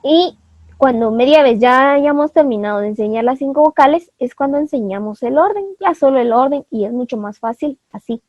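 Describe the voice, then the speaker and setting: A woman's voice: sits high, a little fast, dry recording, lo-fi sound. A woman teacher giving an online class, explaining step by step, spelling out syllables and often asking her students for confirmation.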